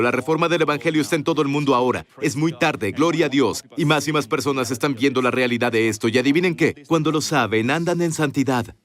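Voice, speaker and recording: A man preaching a sermon earnestly, speaking directly to his congregation. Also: mid-range voice. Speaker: pastor.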